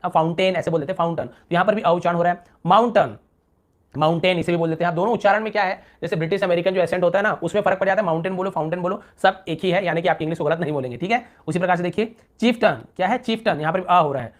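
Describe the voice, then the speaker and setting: A man teaching English pronunciation as a lesson. He repeats example words slowly and stretched out, and checks in with the viewer with quick questions. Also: high-pitched. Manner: asks the viewer rhetorical checks. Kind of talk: Hindi-language pronunciation lesson.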